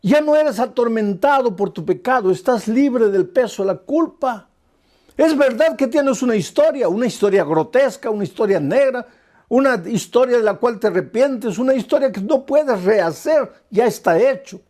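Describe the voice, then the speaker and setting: A man's voice: very high-pitched, animated, normal speed, a little mellow. A male pastor delivering an earnest, pleading sermon full of repeated phrases.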